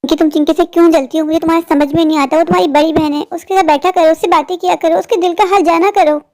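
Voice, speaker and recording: A woman voicing a worried, loving widowed mother of two daughters in a cartoon story, speaking quickly and pleadingly. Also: very high voice, steady tone, darkish tone. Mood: stern.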